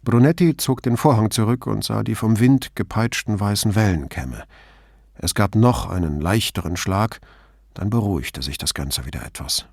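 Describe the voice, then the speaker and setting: A man narrating an audiobook in a calm, even storytelling manner. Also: on the low side, moderate pace, gravelly, slightly rough, dry recording, clean studio sound. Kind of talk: scripted narration.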